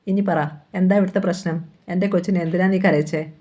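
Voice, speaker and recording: A woman reading the lines of a gruff, blunt older father in a novel, in a rough, commanding way. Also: on the low side, steady tone, brisk, dark tone, close to an everyday voice. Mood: stern.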